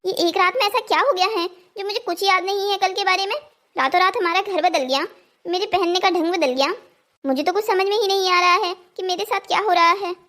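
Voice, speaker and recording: A woman's voice: extremely high pitch, a little fast, pushed and bright. A woman voicing a confused, indignant twenty-one-year-old woman in a cartoon story. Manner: indignant, bewildered. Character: young woman of 21, confused and stubborn.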